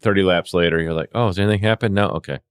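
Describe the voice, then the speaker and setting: Rapid-fire and low, with a clear, resonant tone, this middle-aged podcast guest, a longtime EMS worker, shares casual stories and re-enacts bits of dialogue with animation.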